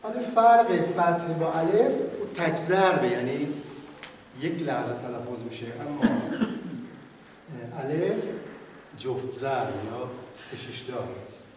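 A man teaching Quran recitation in class, stretching out sounds slowly and having students repeat. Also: on the high side, expressive, a little mellow. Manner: demonstrates sounds by drawing them out slowly. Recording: echoey room from far off, faint noise.

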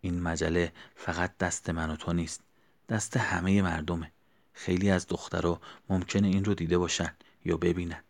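A calm, devout young man speaks softly and evenly in a deep, level voice, as a male narrator voices him in a story reading. He talks quietly and steadily, as a patient friend giving advice. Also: gravelly.

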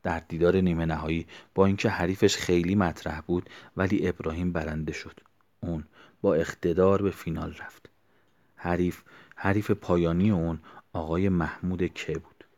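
Brief: male storyteller, very low voice, hushed and near-whispered delivery. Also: steady tone. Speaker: narrator. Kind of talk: storytelling narration.

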